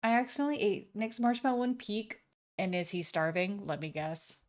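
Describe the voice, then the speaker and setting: A woman's voice: medium pitch, lively intonation, a little fast. A young woman streams a game from home on a desk mic, chatting loosely and rambling from thought to thought. Her talk is full of slang and the occasional swear, with a faint hum of room ambience behind her. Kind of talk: casual live-stream gameplay commentary.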